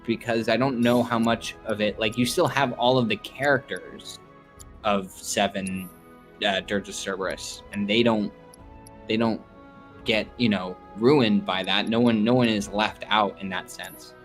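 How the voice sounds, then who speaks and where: Guy with a lowish voice rambling casually on a stream, says like a lot. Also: fairly even intonation, a little slow, a bit bright, faint music behind. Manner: rambling, heavy use of "like". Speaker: stream co-host. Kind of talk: casual podcast chat.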